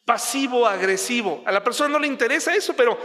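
A man with a Mexican accent preaching a sermon, his voice very high and bright. He talks in a chatty way, asks the listeners questions and acts out everyday scenes. The long reverb of a large hall trails after his words. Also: expressive, quick pace. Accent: Mexican Spanish.

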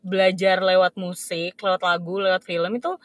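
A young Indonesian woman chats casually and relaxed, telling a travel story while often agreeing and offering many affirmations. Her voice is fairly low-pitched at a normal speed, recorded with no room sound.

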